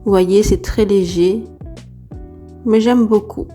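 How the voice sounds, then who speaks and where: Soft music plays behind a beauty vlogger's casual on-camera product review, delivered slowly in a dark, mid-range voice with fairly even intonation. She stays chatty and enthusiastic, repeating her emphasis, though her unsteady voice fails after a heavy cold.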